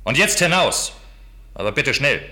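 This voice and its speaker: An actor playing a stern, proud ship's captain in a radio play, speaking curtly and with contempt. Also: male voice, mid-range voice, very animated, moderate pace, bright, forceful tone. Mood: stern refusal. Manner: curt, cold, contemptuous. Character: stern, proud male ship's captain, loyal to his king.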